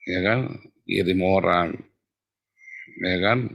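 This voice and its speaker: A man preaching a sermon in a colloquial, teasing way, swinging from loud outbursts to near-whispers. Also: deep voice, slow, gravelly, highs cut off. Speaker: pastor.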